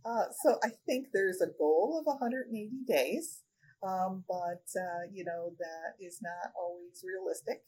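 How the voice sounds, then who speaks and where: A woman who directs a regional office of a state agency, answering interview questions in a measured way with many fillers. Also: on the low side, darkish tone, a little hiss or hum, low-quality recording. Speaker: regional director of a state human rights agency, podcast guest.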